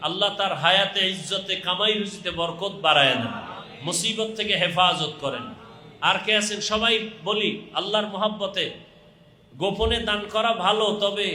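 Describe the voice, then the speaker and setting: High, sharp-voiced Bangladeshi man making appeals, echoing. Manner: urging, repetitive calls to the crowd. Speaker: preacher leading a donation appeal. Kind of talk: live religious fundraising appeal, calling out donations with short blessings. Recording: echoing public-address sound.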